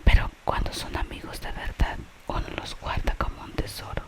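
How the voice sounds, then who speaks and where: A person telling a gentle bedtime-style tale in Spanish in an unvoiced ASMR whisper, slowly and without hurry. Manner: whispers throughout, slow and unhurried. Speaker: storyteller.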